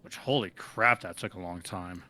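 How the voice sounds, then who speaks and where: A man co-hosting a casual chat, explaining points in quick, thought-out runs. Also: low-pitched, pushed and bright. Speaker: co-host.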